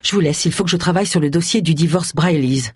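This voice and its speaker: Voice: medium pitch, quick pace, darkish tone, slightly rough, no room sound, studio quality. An audiobook narrator voicing a defiant young woman who is walking out on her job. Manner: curt, defiant.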